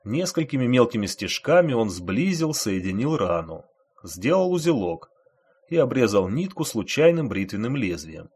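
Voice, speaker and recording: Husky, expressive male audiobook narrator. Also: medium pitch, moderate pace.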